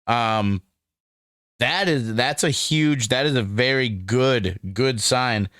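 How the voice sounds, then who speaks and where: A man's voice: mid-range voice, takes it slowly, fairly bright tone, no room sound, studio quality. A laid-back young man giving a rambling, casual review to camera, calling the viewer dude and man. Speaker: cannabis strain reviewer.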